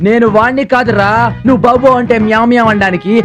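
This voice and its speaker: A man speaking in a high, quick voice as a film rowdy, gruff, curt and threatening. Music plays clearly underneath his lines. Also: steady tone. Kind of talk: film comedy dialogue. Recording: film soundtrack with music behind. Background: film score music.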